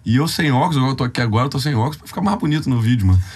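A man's voice: mid-range voice, expressive, rapid-fire, slightly rough. A young Brazilian man, a youth ministry leader, telling a heartfelt, tearful testimony on a podcast in a casual, slangy way.

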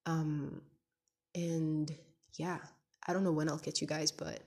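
Low-voiced young woman rambling into her phone. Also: little pitch movement, slow pace, darkish tone, slightly rough. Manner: rambling and hesitant, full of restarts and "like". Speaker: podcaster. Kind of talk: personal audio diary. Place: at home.

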